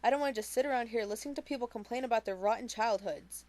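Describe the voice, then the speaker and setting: A woman's voice: on the high side, very fast, darkish tone, lightly acted. A woman reading the lines of a self-righteous teenage girl in treatment who talks in a prim, defensive way.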